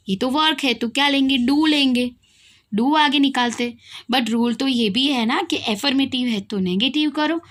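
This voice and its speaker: This young woman's voice sits high and is a bit bright, with an Indian accent. Teaching English grammar, she questions her students and then answers herself, repeating the main points.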